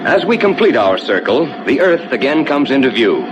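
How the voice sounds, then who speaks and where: An American man voices a rocket ship captain, narrating a scripted 1950s ride to his passengers with assured, measured explanations. His delivery is very animated yet only lightly acted. The dull 1950s soundtrack carries a loud rumbling noise.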